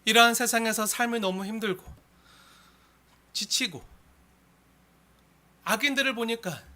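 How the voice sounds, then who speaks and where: A male pastor with a very high, sharp, ringing voice delivers a sermon. He rises into loud, impassioned appeals, then drops to hushed, near-whispered asides. He keeps putting rhetorical questions to the congregation.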